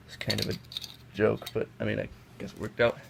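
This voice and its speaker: Sniffling with a cold, this young man reviews toys at a table indoors, rambling chattily and correcting himself as he compares them hands-on. His voice is low and gravelly, flat and brisk. A camera mic positioned off-screen above the table picks him up in a noisy home recording.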